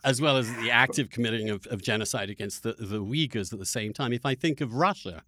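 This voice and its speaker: In conversation about politics, this interviewer is sharp-toned and argumentative, stopping and starting again as he searches for the right words. The studio-quality recording has no echo, and his voice is mid-range.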